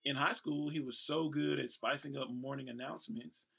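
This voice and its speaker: Reading aloud at a moderate pace, this Houston man in his thirties has a mid-range, gravelly voice with a breathy edge and fairly even intonation. He's a host and professional event MC whose playful delivery is full of casual asides, ad-libs and shout-outs.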